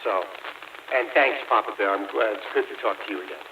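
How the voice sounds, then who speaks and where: A man's voice: lowish voice, brisk, muffled recording. Older man over CB radio static. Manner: friendly, easygoing, uses radio lingo. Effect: heard over a CB radio. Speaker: CB radio operator. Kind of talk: casual CB radio chat. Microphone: CB radio handset. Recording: distant, phone-thin CB radio with loud static.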